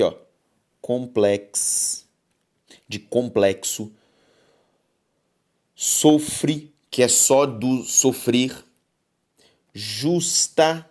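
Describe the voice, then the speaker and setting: Lively Brazilian woman teaching grammar. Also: very deep voice. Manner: emphatic, keeps calling students to look and pay attention; affectionate, calls viewers "my dears". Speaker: exam-prep teacher. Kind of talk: online grammar lesson.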